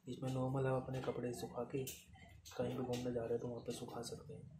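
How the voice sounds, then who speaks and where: A man, casually demonstrating camping gear in an unscripted way and filling pauses with "theek hai". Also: medium pitch, completely flat delivery. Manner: unscripted, repeats "ठीक है", counts items aloud. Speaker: product reviewer. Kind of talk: casual unboxing demo. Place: room with tiled floor, indoors. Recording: echoey tiled room, noisy.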